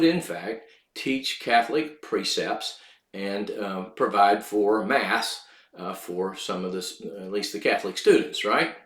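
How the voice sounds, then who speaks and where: A man hosting a podcast, giving measured spoken commentary on law and religion; his voice sounds tinny and hollow, as if he is talking inside a tin can. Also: medium pitch, fairly bright tone, reverberant. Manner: measured, lecturing delivery with occasional filler words. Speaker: podcast host. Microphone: makeshift sound system instead of his usual microphone.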